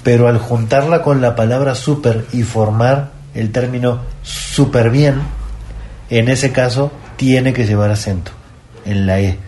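A man with a Mexican accent lays out grammar rules on a radio segment, patient and methodical. His voice is mellow and dark, and he takes each point step by step. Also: mid-range voice, slight background noise. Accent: Mexican Spanish. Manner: measured, didactic, spells out rules step by step. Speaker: language expert on a radio segment. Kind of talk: explanatory radio chat.

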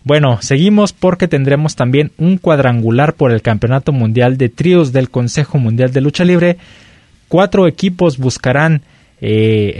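A man with a Mexican accent hosts a lucha libre show, presenting the match card conversationally and pausing as he finds his words. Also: mid-range voice, a little mellow, dry recording, studio quality.

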